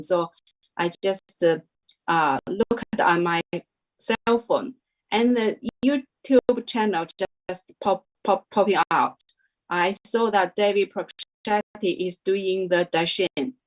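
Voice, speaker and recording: Young woman, slow and hesitant testimony, lots of ums. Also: mid-range voice, poor audio. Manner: hesitant, many fillers and restarts. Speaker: devotee sharing a testimony. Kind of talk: casual spoken testimony.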